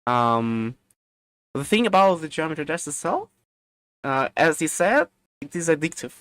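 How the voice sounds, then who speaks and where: Halting man with a smooth voice. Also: fairly high pitch, sing-song, a bit bright, dry recording. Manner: halting, many fillers and restarts. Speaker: podcast co-host. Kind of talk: casual chat.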